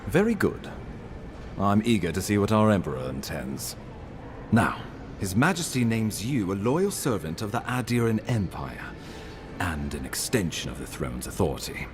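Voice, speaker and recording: An actor playing an earnest, courteous imperial ambassador in a video game, speaking in a formal, eloquent and measured manner. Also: male voice, fairly low pitch, sing-song, noisy background. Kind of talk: dramatic video game dialogue.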